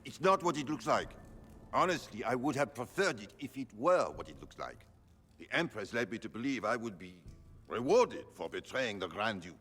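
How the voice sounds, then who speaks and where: A man's voice: medium pitch, very animated, normal speed, fairly bright tone, soft background music. A man playing a flustered, humiliated conspirator in a video game, pleading dramatically, in heavy reverb. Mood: embarrassed. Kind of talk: video game dialogue acting. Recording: long hall reverb.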